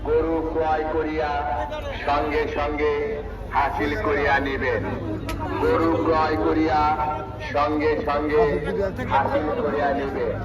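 A man making a formal public announcement over a loudspeaker, halting phrase by phrase and repeating himself. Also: a little high, level tone, highs cut off. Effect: public-address loudspeaker. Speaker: announcer for cattle market authority. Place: outdoor cattle market. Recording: echoing distant loudspeaker amid loud crowd. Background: loud crowd and market bustle.

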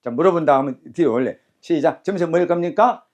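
Brisk, commanding male English teacher. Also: a little high, lively intonation, a little mellow. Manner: brisk and commanding, barks cues and repeats phrases. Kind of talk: classroom lecture with call-and-repeat drills.

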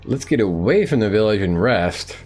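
A man's voice: on the low side, expressive, normal speed, darkish tone, soft background music. A man streaming a survival game live, chatting playfully to himself and to the animals on screen. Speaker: gaming streamer. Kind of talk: live gameplay commentary.

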